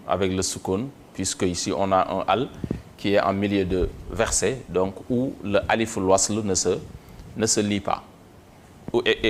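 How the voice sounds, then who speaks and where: A middle-aged man teaches reading in a slow, measured lesson, breaking words into syllables and saying each one again and again. His voice sits low and he takes his time over every sound. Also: a little hiss or hum. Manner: spells out syllables slowly and repeats them.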